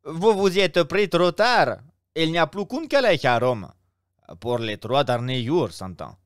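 A man reading aloud and voicing an excitable, flattering Italian innkeeper in a raised, exclamatory voice. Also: measured pace, clean tone, no room sound, clean studio sound. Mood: eager. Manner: exclamatory, fawning, pitched high.

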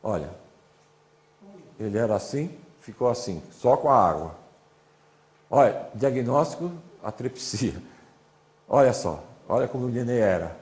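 A man's voice: mid-range voice, animated, unhurried, pauses often, a little mellow. A man giving an informal classroom lecture, chatty, constantly saying "look" as he points at slides. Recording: echoey lecture hall.

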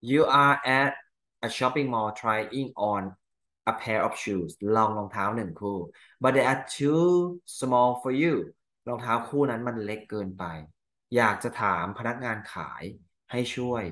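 Reviewing an exam, a man with a Thai accent reads each English line slowly before explaining it in Thai. He speaks in a bright, pushed, mid-range voice.

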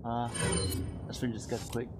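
A man hosting a let's play, commentating casually, rambling with lots of filler pauses, and hiccuping. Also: medium pitch, monotone, very noisy. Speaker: gaming channel host.

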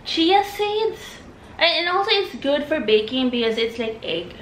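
A woman's voice: on the high side, very animated, a little fast, a bit bright. Chatty young woman in an echoey room. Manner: chatty, lots of fillers and restarts. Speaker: vlogger. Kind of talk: casual mukbang chat. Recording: echoey room with faint noise.

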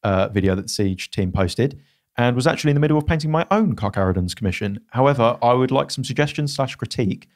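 A young man co-hosting a miniature painting critique show in a small studio, explaining techniques in a measured way into a podcast mic. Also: mid-range voice, animated, darkish tone. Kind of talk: casual feedback chat. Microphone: podcast mic on boom arm.

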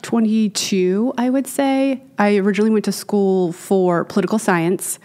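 A woman's voice: mid-range voice, steady tone, normal speed, warm tone. A woman in her thirties from Virginia, an artist guest telling her story in an upbeat, chatty way, recorded in a gallery on a studio mic. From Manassas, Virginia, US. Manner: chatty, upbeat, frequent fillers. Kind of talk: casual interview chat. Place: gallery space, indoors. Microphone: studio mic on boom arm, headphones.

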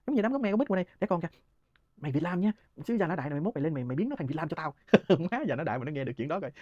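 A man's voice: sits high, a little mellow, dry recording, dull audio. A man, hosting and answering listener questions in a heated, scornful monologue punctuated by laughs. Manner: rapid, scornful ranting with frequent laughs.

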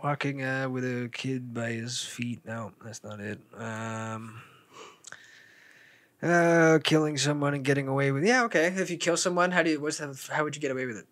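A man's voice: mid-range voice, moderate pace, a bit bright. A young man co-hosting a podcast, playful and joking, laughing often. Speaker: podcast co-host. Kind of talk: casual chat.

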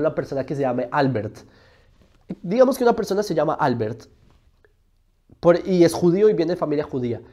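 A man hosting religion videos from Colombia speaks in a mellow, slightly high voice. Recorded via lapel mic in a studio, his argumentative explainer monologue is emphatic and leans on rhetorical questions.

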